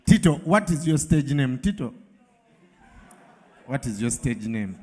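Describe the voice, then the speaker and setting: A man's voice: medium pitch, sing-song, measured pace, warm tone. A male event emcee with a Ugandan English accent, teasing the crowd in a playful, laughing way. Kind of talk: lively event hosting. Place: large event hall with live audience. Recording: long hall reverb over a PA.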